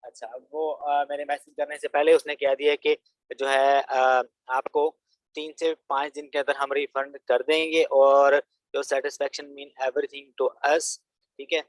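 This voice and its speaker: A man's voice: mid-range voice, level tone, measured pace, no room sound, low-quality recording. Chatty man, dry close voice. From Pakistan. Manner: chatty, repeats "theek hai" as a filler. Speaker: online business course instructor. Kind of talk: casual screen-recorded tutorial.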